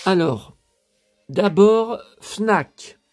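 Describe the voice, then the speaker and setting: Speaking extremely slowly in a high, expressive, slightly mellow voice, a Lyon-area French vlogger meanders through his purchases with plenty of fillers and tag questions. Exasperated complaints burst out now and then, and faint music plays behind him.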